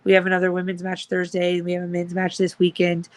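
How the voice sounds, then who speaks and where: A woman's voice: fairly low pitch, completely flat delivery, fast. Woman, casual podcast chat, upbeat, rambling, lots of fillers. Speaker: guest, supporters' group organizer.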